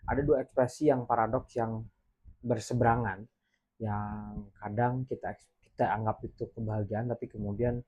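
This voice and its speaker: A man's voice: lowish voice, fairly even intonation, moderate pace, a little mellow, breathy edge. A man hosting a casual podcast, putting probing questions with frequent fillers. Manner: asks probing questions, hesitant with many fillers. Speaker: podcast host.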